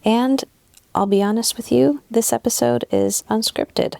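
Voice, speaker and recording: A Southern California woman in her thirties, a podcast host and relationship coach, records an unscripted solo episode while sitting on her bed, using an old wired earbud mic. Soft-spoken, reflective and a little sleep deprived, she talks at a measured pace with a voice on the high side and vocal fry, and the recording is dry.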